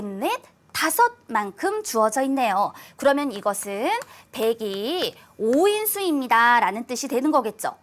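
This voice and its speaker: A woman teaching an elementary school math lesson, speaking to children in a sing-song way and drawing out key words. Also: fairly high pitch. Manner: sing-song, addresses kids warmly with drawn-out emphasis.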